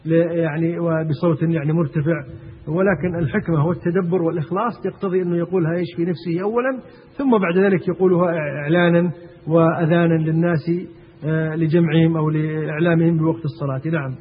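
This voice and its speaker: A man's voice: fairly high pitch, fairly even intonation, husky. A man teaching a class on Islamic jurisprudence, often asking his students questions as he explains. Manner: asks the class questions, often pausing on "eesh?". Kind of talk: classroom lesson on a text. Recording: tinny phone-like recording, long hall reverb.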